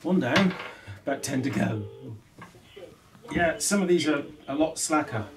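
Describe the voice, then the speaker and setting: A video channel host with a fairly high voice chats politely and thinks aloud while working on equipment in the rooms of his home. His intonation is lively and his pace measured, with crowd noise audible behind him in this casual hands-on vlog.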